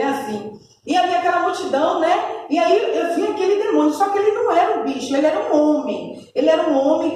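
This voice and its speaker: Woman preacher telling her dream all fervent, super echoey church, mic way off, faint hiss. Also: very high voice. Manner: fervent storytelling. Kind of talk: testimony sermon. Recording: echoey room, distant mic, faint noise.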